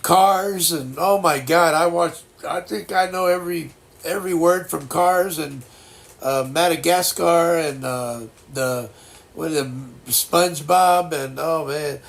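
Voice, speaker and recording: Guy in his 60s just chatting on stream, nose all plugged up, gravelly, kinda halting and folksy. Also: on the high side. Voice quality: congested, blocked-nose sound. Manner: halting, reflective, folksy reassurance. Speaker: livestream host chatting with viewers. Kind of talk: casual chat.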